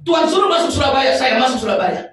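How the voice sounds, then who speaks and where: A pastor preaching a sermon, swinging between loud shouts and hushed tones, recorded in a church hall. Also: male voice, extremely high pitch, sing-song, quick pace. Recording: echoey church hall from far off, faint noise.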